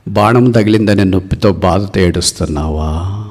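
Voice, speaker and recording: A man voicing a puzzled hunter who keeps gently asking a wounded bird why it weeps, in a sermon story. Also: low voice, normal speed. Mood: puzzled questioning. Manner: repeating questions, gently probing.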